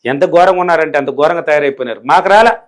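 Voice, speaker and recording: Speaking in a fairly high voice at a racing pace, this middle-aged man from a village in rural India answers interview questions as a spiritual teacher. He is emphatic and repetitive, driving every point home.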